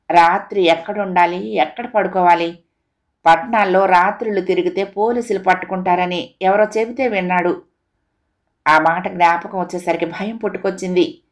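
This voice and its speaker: A woman storyteller narrating a moral story for children in a steady, expressive reading voice. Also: lowish voice.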